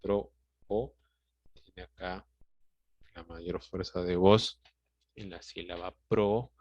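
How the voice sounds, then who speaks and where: A man's voice: low voice, vocal fry, a little mellow, no echo. A male teacher with a Peruvian Spanish accent patiently explaining a grammar lesson, often checking in with his students. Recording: dry, dull lo-fi sound.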